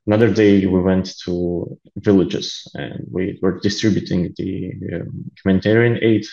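A young man with a Latvian Russian accent, an aid volunteer appearing as an interview guest, speaks earnestly over a laptop-camera video call from a small indoor room, with many ums and uhs. His voice is low, creaky and dark, steady in tone at a moderate pace, and the audio is dull.

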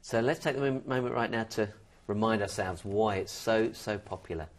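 A man's voice: moderate pace, heavy background noise. A man hosts a televised travel sales show with salesy enthusiasm. He talks up deals eagerly, lifting his voice on the best prices. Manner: upbeat, salesy, pitch rises when excited. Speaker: TV shopping host.

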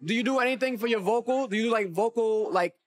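A young man with a notably high voice hosts a podcast interview. His phrasing is casual and slangy, with frequent words of agreement, spoken into a studio-style microphone in a small room. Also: quick pace, no room sound. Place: small indoor room with couches. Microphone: podcast microphone on boom arm.

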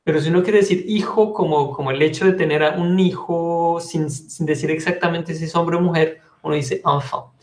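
High-voiced man teaching French patiently. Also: fairly even intonation, moderate pace, hardly any pauses, echoey room. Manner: explains patiently, repeats and spells words. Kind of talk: online language class.

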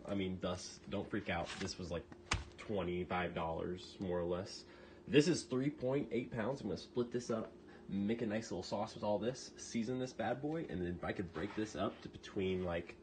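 A man's voice: lowish voice, heavy background noise. A man who works as a personal trainer, chatting loosely through a grocery haul in his home kitchen, rambling with lots of fillers. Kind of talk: casual grocery haul vlog. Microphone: handheld phone camera.

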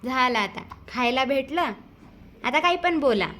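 A woman's voice: high-pitched, animated, measured pace, bright, forceful tone. A young woman, a mother, talking baby talk to her infant in a coaxing, sing-song way and imitating baby speech. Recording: clear background noise.

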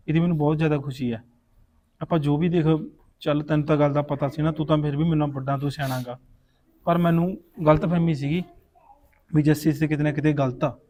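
A man's voice: fairly high pitch, steady tone, quick pace, long pauses, mellow, natural voice. A man acting an elder brother who asks his widowed sister to forgive him and reassures her. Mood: apologetic. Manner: earnest, pleading, reassuring. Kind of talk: amateur village short-film acting.

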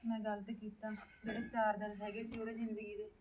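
An actress playing a young wife who returns home and pleads with the family. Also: female voice, mid-range voice, monotone, brisk, darkish tone, a little hiss or hum, close to an everyday voice, rough recording. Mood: remorseful. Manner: talks to herself, then questions everyone urgently. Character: young wife coming home to her husband, regretful.

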